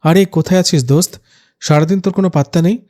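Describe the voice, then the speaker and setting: A man's voice: high-pitched, quick pace, mellow, voice pushed up, natural voice. A man voicing a young male best friend who jokes and teases in casual banter in a spoken storybook.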